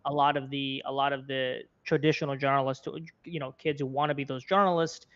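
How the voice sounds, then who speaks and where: As an interview guest, a young content creator and journalist from Florida talks through his opinions in conversational commentary, circling back to rephrase. His mid-range voice is smooth and clear, a little fast, with a fairly flat melody and an American accent. The audio comes across slightly dull.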